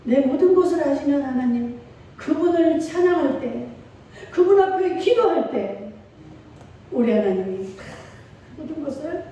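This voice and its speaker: A woman's voice: high-pitched, expressive, unhurried, long pauses, warm tone, lo-fi sound, slight background noise. A middle-aged woman pastor preaching a sermon with feeling and call-and-response. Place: church sanctuary. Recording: echoey church hall from far off.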